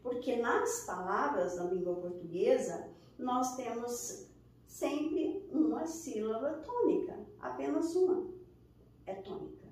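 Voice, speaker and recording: A woman teacher explaining a lesson slowly, pointing at examples as she goes. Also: on the high side, darkish tone. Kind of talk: recorded lesson. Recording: echoey room, voice from far off the mic.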